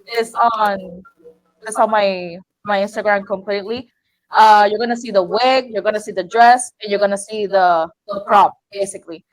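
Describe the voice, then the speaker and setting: Woman prop maker just chatting on a panel, kinda rambly and informal, medium pitch. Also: fairly even intonation, normal speed, poor audio. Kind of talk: casual chat.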